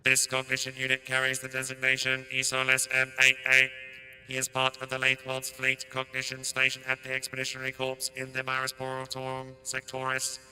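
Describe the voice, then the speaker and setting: A man voicing a formal male machine cognition unit through a metallic robotic voice filter, reciting in a monotone. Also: mid-range voice, brisk, soft background music. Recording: roomy echo with long reverb.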